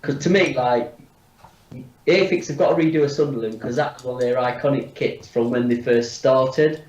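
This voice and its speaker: A man's voice: mid-range voice, normal speed, darkish tone. A man with a blocked nose chatting casually on a video call, his voice sounding echoey and far from the microphone. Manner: chatty, opinionated, lots of fillers. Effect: echoey room sound, voice far from the mic. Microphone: computer mic on a video call. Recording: echoey, distant, dull mic on a call.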